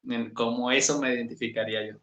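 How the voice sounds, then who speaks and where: In an echoey room, a guest author from Nariño in southern Colombia speaks with a Pasto accent in a reflective conversational interview. His tone is steady and a bit bright, his pace quick, and his pitch varies as he thoughtfully checks in with "¿sí?"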